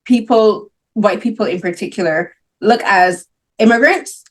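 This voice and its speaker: A woman interviewing filmmakers, talking in a lively way and sometimes acting out what others say. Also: medium pitch, measured pace. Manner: animated, often acting out the voices of others. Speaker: magazine interviewer. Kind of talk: casual interview talk. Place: film festival interview.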